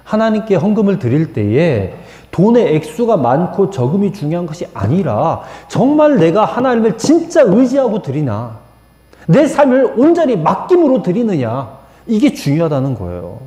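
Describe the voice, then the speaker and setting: Animated pastor preaching in an echoey church. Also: male voice, high voice, normal speed. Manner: animated preaching, shifting from soft to emphatic. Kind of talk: sermon. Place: church sanctuary.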